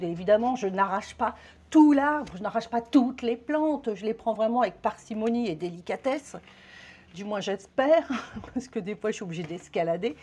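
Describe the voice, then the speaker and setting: French woman, casual vlogger, rambling chat, a little out of breath, fairly high voice. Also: a little mellow, breathy edge. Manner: chatty, rambling, swears casually.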